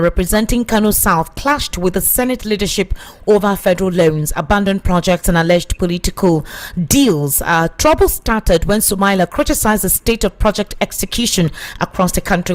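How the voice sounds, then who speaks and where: Woman hosting radio news talk. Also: mid-range voice. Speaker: radio host. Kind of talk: news discussion, measured explanation.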